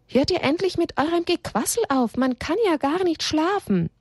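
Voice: high-pitched, sing-song, moderate pace, dry recording, clean studio sound, voice pushed up. A woman voicing a grumpy, sleepy creature hidden in a tree, grumbling irritably in a storybook.

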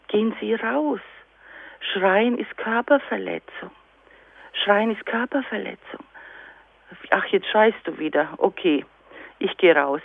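A woman speaks as a guest on a radio program, her voice coming through a thin, phone-like line with a dry, close sound. Her tone has a gravelly edge. She tells stories with energy and plays both sides of the conversations she describes. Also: mid-range voice, no room sound. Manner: lively storytelling, acts out dialogues. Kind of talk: radio interview.

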